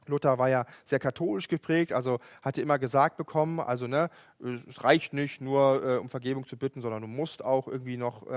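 A young man delivers a sermon in an earnest, conversational tone, often restarting and filling pauses. His voice sits at a middle pitch and is recorded dry and close, with no room around it. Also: no echo. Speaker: preacher.

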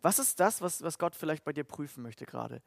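A man preaching a sermon in German, earnest and emphatic, sometimes breaking into loud outbursts. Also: fairly high pitch, animated, a little fast, creaky, dry recording. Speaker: pastor.

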